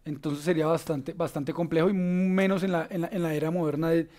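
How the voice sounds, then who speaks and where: A man with a Colombian accent hosting a casual basketball panel, enthusiastic and full of filler pauses. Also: a little high, steady tone, darkish tone. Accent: Colombian Spanish. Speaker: sports show host.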